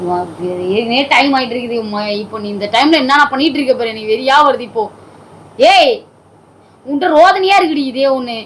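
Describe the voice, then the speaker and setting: A woman's voice: high-pitched, brisk, a little hiss or hum, rough recording. A woman performing a comedy skit, nagging and scolding someone in an insistent, impatient way. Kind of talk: scripted comedy argument.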